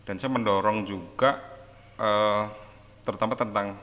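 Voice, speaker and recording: A middle-aged man talking casually about a book, reflective and hesitant, often pausing with fillers. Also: fairly low pitch, steady tone, a bit bright, long reverb tail.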